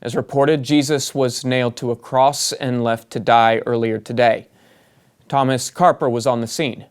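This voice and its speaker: A man's voice: medium pitch, fairly even intonation, normal speed, clean tone, lightly acted. An actor playing an earnest, dramatic male breaking news anchor in a comedy sketch, with an urgent announcer delivery. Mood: grave.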